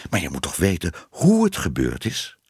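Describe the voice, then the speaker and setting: A man's voice: sits low, huge pitch swings, normal speed, a little mellow, breathy edge, no room sound, studio quality, exaggerated voice. Man voicing hissing old cat Tante Moertje. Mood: disapproving. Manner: hissing, prim and scolding.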